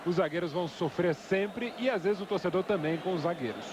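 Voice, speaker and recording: A man's voice: high voice, brisk. A Brazilian man giving live football analysis as co-commentator, explaining his opinions in long asides. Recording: noisy outdoor stadium broadcast. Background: stadium crowd noise.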